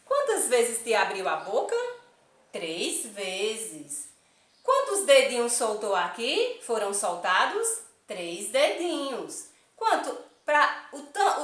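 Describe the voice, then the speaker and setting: A woman teaching young children to read, speaking slowly and clearly, and often checking in with "não é isso?". Her voice is bright and lively, rising and falling a lot. She is recorded in an echoey room, a little away from the mic. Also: a little high, distant mic. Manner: asks many questions, counts aloud, tag questions like "não é isso?". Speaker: primary school teacher. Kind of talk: slow, patient literacy lesson for young children.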